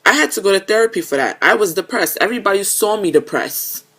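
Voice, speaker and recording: A woman speaking to camera in an emotional confessional video message, earnest and halting, often stumbling over her words. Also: medium pitch, animated, bright, forceful tone, husky. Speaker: vlogger.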